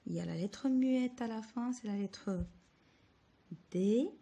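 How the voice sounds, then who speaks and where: A woman teacher guides children through a handwriting lesson at a very slow pace, sounding out each letter and syllable. Her voice is dark and mellow with a husky edge, and she often drops to a near whisper. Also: on the high side.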